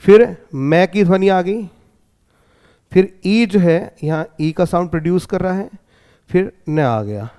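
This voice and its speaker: An Indian man teaching an exam-prep English lesson, explaining step by step and often asking whether it is clear. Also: sits high, measured pace, dark tone. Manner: explains step by step, checks in with 'clear?'.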